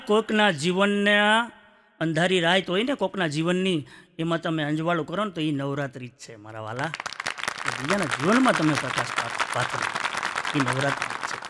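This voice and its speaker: A man's voice: fairly high pitch, animated, normal speed, over a noisy crowd, very noisy. A man telling comic stories on stage, chatting with the audience and acting out what his wife and others said. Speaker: stand-up comedian. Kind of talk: stand-up comedy storytelling.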